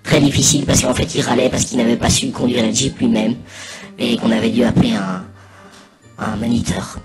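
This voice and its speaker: A man giving a casual, improvised mock commentary over video, rambling hesitantly and pausing mid-sentence. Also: medium pitch, flat delivery. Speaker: narrator of a spoof anonymous behind-the-scenes testimony. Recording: voice over loud music. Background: loud music.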